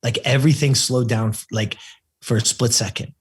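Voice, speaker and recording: Telling a personal story as a podcast guest, a Californian man in his fifties leans on emphatic repetition and acts out the people he quotes with animation. His medium-pitched, slightly rough voice keeps a moderate pace.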